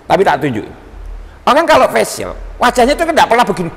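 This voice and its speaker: Animated, high-voiced male preacher. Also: fast talker, slight background noise. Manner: animated, joking, often addresses listeners as brothers. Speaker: pastor. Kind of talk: sermon. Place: church seminar hall. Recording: long hall reverb.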